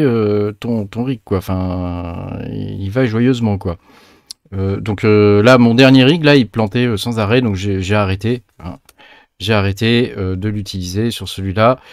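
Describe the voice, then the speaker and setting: In clean studio sound without any room tone, a crypto mining tutorial host with a medium-pitched, slightly mellow voice walks viewers through a screen-share step by step. He's chatty and talks to them directly, though hesitant, with lots of fillers and false starts.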